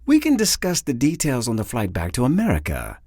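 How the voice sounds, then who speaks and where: A man voicing a calm male government agent who talks in a measured, persuasive way. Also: medium pitch, no echo, studio quality, pitched above the performer's own voice.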